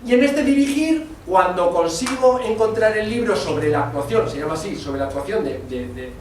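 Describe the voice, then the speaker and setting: A man, telling his own story thoughtfully at a conference, often pausing to find his words. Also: sits high, lively intonation. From Spain. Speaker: guest speaker. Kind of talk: reflective personal storytelling. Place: conference venue. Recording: echoey hall from far off with faint noise.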